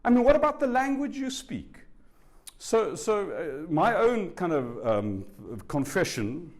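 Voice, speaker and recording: An animated South African man in his sixties, whose first language is Afrikaans, gives a spiritual lecture to a live audience in a university lecture room. His voice is high-pitched and unhurried. He speaks conversationally and puts rhetorical questions to the audience.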